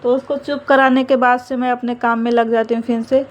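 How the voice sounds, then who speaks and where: A woman's voice: fairly high pitch, level tone, brisk. Chatty young woman narrating home chores. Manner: chatty, rambling, fillers of "matlab". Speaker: vlogger, mother. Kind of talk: casual home vlog narration.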